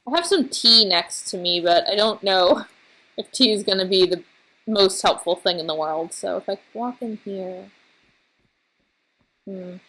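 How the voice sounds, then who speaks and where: A woman casually commenting on her own gameplay, tired and recovering from being sick, rambling and halting as she trails off and restarts her thoughts. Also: medium pitch, bright, forceful tone, poor audio. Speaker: let's play host.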